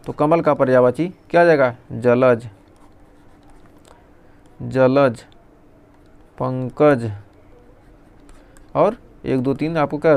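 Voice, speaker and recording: A man's voice: medium pitch, darkish tone, smooth. A male teacher giving an exam revision lesson, reading out lists and asking and answering his own questions.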